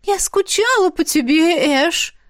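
Narrator puts on a high-voiced, tearful young noble lady in an audiobook; dramatic, clingy, prone to shrill outbursts. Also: lively intonation, takes it slowly, a bit bright, dry recording, clean studio sound, full character voice. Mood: pleading. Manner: breathy pleading, shrill outbursts.

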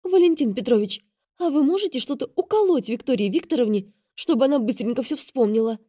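A woman voicing a tiny, hurried young businesswoman of about twenty who talks in a quick, squeaky, flustered way. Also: expressive, warm tone, no echo, clean studio sound. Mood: bubbly, flustered.

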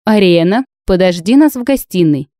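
A woman's voice: mid-range voice, animated, moderate pace, mellow, no room sound, studio quality, natural voice. A woman voicing a sly, teasing old witch in an audiobook. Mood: wry teasing.

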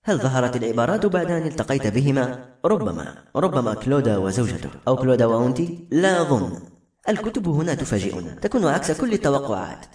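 A man's voice: medium pitch, sing-song, fast talker, natural voice. A man voicing a seductive scheming princess. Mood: soft. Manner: coaxing, flirtatious. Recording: roomy echo with soft music.

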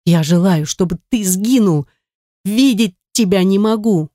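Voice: medium pitch, a little slow, warm tone, no echo, studio quality, natural voice. A reader voicing a frightened young wife in an audiobook, pleading and defiant by turns. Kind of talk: audiobook reading.

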